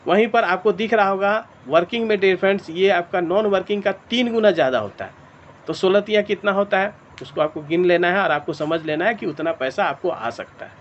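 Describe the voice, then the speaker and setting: A man's voice: high voice, fairly quick. A man presenting a money plan in an online meeting, walking through the figures step by step and calling the audience dear friends. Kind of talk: sales presentation over a video meeting. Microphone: clip-on mic. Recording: dull lo-fi call audio with faint noise.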